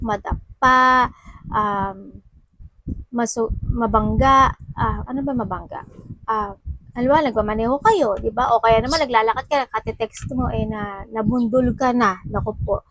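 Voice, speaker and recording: A woman's voice: fairly high pitch, fairly bright tone, no echo, rough recording. Chatty woman reading tarot. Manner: chatty, mixing Tagalog and English, with frequent fillers and asides. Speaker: tarot reader. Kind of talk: casual tarot reading monologue.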